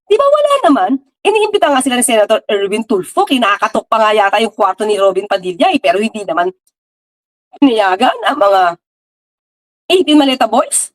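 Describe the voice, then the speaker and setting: A woman giving casual political commentary, talking straight to her viewers with rhetorical questions and English mixed in. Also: high-pitched. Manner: mixes English into her talk.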